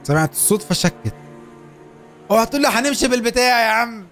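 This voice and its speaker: A young man with an Egyptian Arabic accent giving excitable, joking commentary as he plays a game. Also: very high-pitched, fast talker, soft background music. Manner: excitable, joking, urging his character on. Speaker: gaming YouTuber. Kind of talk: Let's Play commentary.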